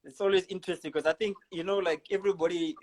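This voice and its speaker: A man hosts a casual chat over a live video call. His voice sits a touch high for a man, and his talk is easygoing, loose and full of laughter. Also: quick pace, poor audio. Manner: relaxed, chatty, laughs often. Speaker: host.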